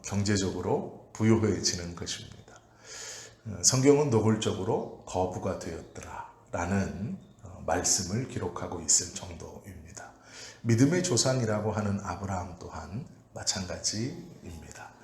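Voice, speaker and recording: A male pastor preaching an early-morning prayer sermon in a calm, measured way, pausing often with "uh". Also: on the low side. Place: church sanctuary. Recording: echoey church room with faint ambient noise.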